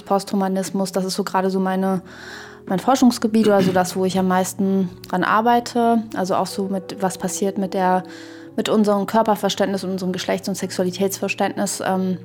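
Co-hosting a casual podcast, a woman reflects hesitantly as she thinks aloud, leaning on academic vocabulary. Her voice has a darkish tone, sitting mid-pitch and moving within a fairly narrow range.

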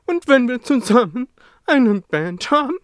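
A storyteller voicing an old female work horse in a raised, drawn-out, cheerful voice. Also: medium pitch, big pitch swings, no echo, clean studio sound, pitched above the performer's own voice. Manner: slow, drawn-out, upbeat coaxing. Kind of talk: storybook reading.

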